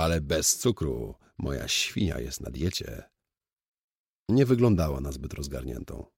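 A man's voice: deep voice, dark tone, slightly rough, no room sound, clean studio sound. A man reading a first-person audiobook in a wry, sardonic storytelling manner. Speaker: audiobook narrator.

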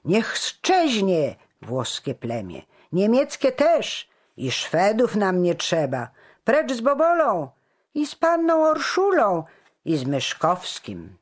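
A reader voicing an angry heckler in a crowd shouting slogans. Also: medium pitch, wildly swooping pitch, slow, voice pushed up, heavily acted. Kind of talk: audiobook character voice.

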